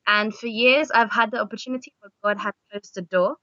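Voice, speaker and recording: A woman's voice: mid-range voice, steady tone, a little fast, pushed and bright, no echo. Young female missionary guest from Argentina, hesitant and full of fillers, dry muffled recording. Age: young adult. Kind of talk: casual interview.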